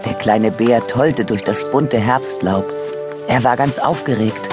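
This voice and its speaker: A man narrating a bedtime audiobook in a gentle, unhurried storytelling manner. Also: mid-range voice. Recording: audiobook with music beneath. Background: music.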